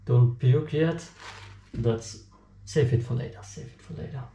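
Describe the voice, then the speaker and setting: A young vlogger from a German-speaking country, speaking with a German accent, jokes to himself while working in a small home kitchen in a casual cooking video. His mid-range voice is dark and unhurried. Faint music, kitchen echo and a little hiss or hum are audible.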